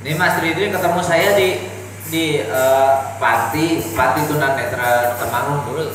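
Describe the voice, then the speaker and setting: A man's voice: on the high side, normal speed. A man hosting a casual chat, asking questions in a friendly way and laughing often. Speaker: host. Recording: echoey room from far off with loud music.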